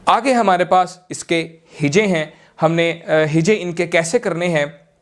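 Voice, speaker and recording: A man teaches Quran reading at a very slow, careful pace. His voice is smooth, clear and a little high. He stretches his syllables and pauses often on fillers. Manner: slow, deliberate, drawn-out syllables with many fillers. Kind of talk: slow recorded lesson.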